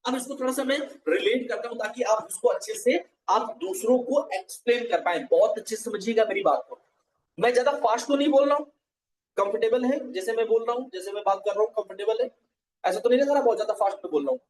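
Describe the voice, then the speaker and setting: A man's voice: high voice, fast talker, a little mellow, distant mic, slight background noise. A man giving a live farming training, explaining step by step and checking often that viewers follow. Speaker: agriculture trainer. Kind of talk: live online teaching session. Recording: echoey room, voice set back from the mic.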